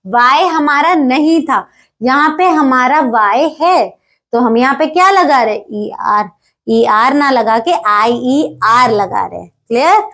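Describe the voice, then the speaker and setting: A woman with a high voice teaches a grammar lesson at an unhurried pace. She explains each point step by step and keeps checking that her students follow. She reads the English example sentences slowly. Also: animated, fairly bright tone.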